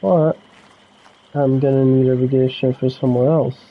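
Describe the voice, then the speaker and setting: Building in a game, a relaxed American man streams casual commentary, talking to himself and chatting with his viewers. His mid-range voice is husky and narrow at a moderate pace, through tinny audio.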